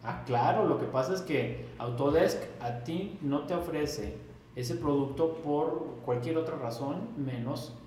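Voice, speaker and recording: A man's voice: a little high, unhurried. A Mexican man telling a story in a casual interview, acting out past conversations in a livelier voice. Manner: animated, acts out past dialogue in raised voice. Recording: very echoey room, faint noise.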